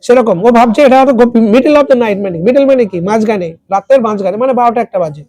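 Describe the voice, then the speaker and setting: A tutor explaining an English text in Bengali, reading lines slowly and asking students word meanings. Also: female voice, a little high, mellow, no echo. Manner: asks students questions and repeats word meanings. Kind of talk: classroom lesson explaining a text.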